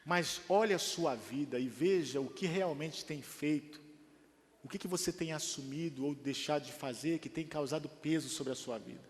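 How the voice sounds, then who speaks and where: Man, Brazilian accent, pastor's sermon, high voice, long church reverb. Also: normal speed. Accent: Brazilian Portuguese. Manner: rising to emphatic, animated preaching. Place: church hall.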